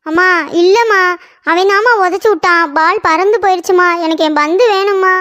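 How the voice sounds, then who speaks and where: A woman's voice: extremely high pitch, brisk, sharp tone. A woman voicing a young boy in a cartoon story who whines and cries over his ball. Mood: crying. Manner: whining, tearful.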